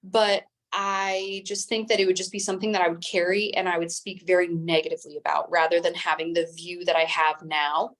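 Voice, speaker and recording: A young woman in her twenties, a teacher, speaking as an interview guest in a calm, even, measured tone. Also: lowish voice. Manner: calm, even-toned speech. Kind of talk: interview conversation.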